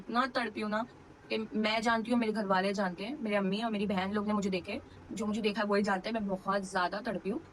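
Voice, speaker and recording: A woman's voice: mid-range voice, a bit bright, slight background noise, low-quality recording. Young woman chatting through a personal story. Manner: chatty, emotional retelling with many fillers. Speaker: vlogger. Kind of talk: casual storytelling to camera.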